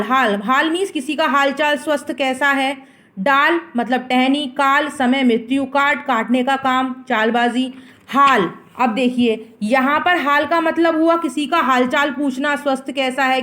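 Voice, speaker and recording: A woman's voice: high voice, fairly bright tone. A woman teacher explaining grammar to children, asking questions and answering them herself while she mixes in English words. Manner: asks the class questions and answers them herself, repeats each word.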